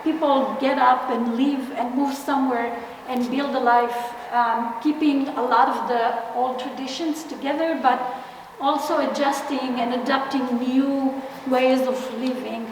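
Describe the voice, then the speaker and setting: A middle-aged woman from Israel gives an artist talk in a large gallery hall, her fairly high voice pausing often on fillers and restarting phrases. She is picked up from a distance, so the hall rings with long, heavy echo and a clear layer of room noise sits behind her. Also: steady tone. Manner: hesitant, many fillers and restarts. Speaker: exhibiting artist. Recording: echoey hall, distant from mic, noisy.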